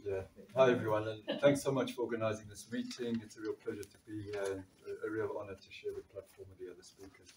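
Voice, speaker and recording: His voice on the low side and a little mellow, the doctor speaks fast and levelly with few pauses. He's a South African man in his sixties, a panel speaker giving an earnest talk and reading figures from notes with frequent restarts. Recorded far off by a camera in a bright meeting room as he stands at the panel table, the sound is echoey, with a little hiss or hum.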